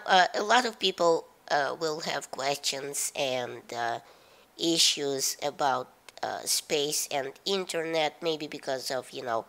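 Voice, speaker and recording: A woman gaming YouTuber speaks in a very low voice with a sharp, forceful edge, sounding nasal and stuffed up from a head cold. She goes through the news haltingly, full of fillers.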